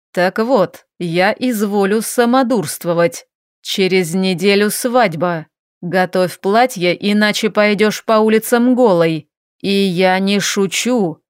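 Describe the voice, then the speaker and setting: A woman voicing a brash, stubborn male orc ruler in an audiobook, speaking gruffly and slowly in a lowered voice. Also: no echo, studio quality, natural voice. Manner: gruff, bellowing, slow and bossy. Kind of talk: audiobook character voice.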